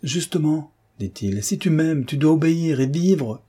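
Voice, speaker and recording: A man's voice: fairly high pitch, animated, a little slow, dark tone, breathy edge, pitched above the performer's own voice. A man reading the part of a young officer, earnest and insistent, in an audiobook. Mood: urgent pleading. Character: young male officer, pleading and urgent.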